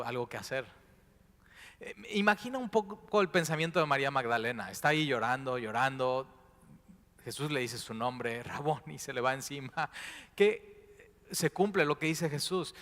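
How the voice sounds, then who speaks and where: Impassioned pastor, bright voice. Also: male voice, mid-range voice. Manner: swings between hushed and loud impassioned preaching. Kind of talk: sermon. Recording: long hall reverb.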